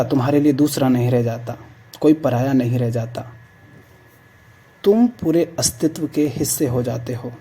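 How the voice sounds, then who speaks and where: A man giving a calm, measured spiritual discourse, urging listeners again and again to let go. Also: medium pitch, husky. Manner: calm, measured preaching with repeated exhortations. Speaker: spiritual speaker.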